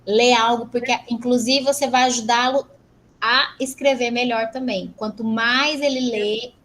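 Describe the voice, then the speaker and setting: A Brazilian woman lecturer teaching an online class, brisk and teasing, asking rhetorical questions. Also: fairly high pitch, steady tone, fairly bright tone, slight background noise, rough recording. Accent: Brazilian Portuguese. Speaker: university lecturer.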